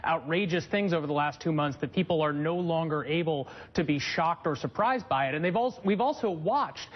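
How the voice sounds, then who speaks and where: A male political panelist with a high voice who talks very fast. He lays out his points briskly and analytically. The broadcast audio sounds a little dull. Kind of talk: cable news panel discussion.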